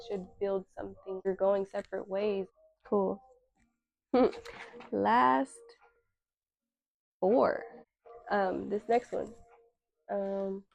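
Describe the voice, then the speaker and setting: A woman's voice: medium pitch, gravelly, a little mellow, highs cut off. A woman in her twenties hosting a casual solo talk, candid and slangy, with emphatic repetition. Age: 20s. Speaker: podcast host.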